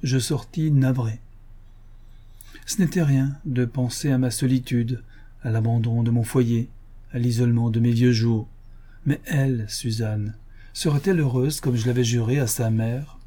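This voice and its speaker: A man narrating a classic novel in the first person with a measured, even reading. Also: mid-range voice. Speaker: audiobook narrator.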